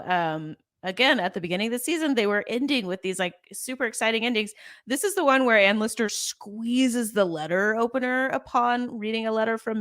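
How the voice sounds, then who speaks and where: A young American woman co-hosting a podcast, chatting animatedly and teasing her co-host with quick laughs. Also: on the high side, a bit bright, no echo, clean studio sound. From United States. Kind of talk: casual chat.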